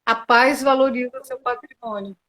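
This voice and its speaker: A woman's voice: fairly high pitch, fairly even intonation, moderate pace, fairly bright tone, rough recording. A Brazilian woman mediator answering interview questions earnestly, often restarting with hesitant fillers, on a video call. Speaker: mediator and guest.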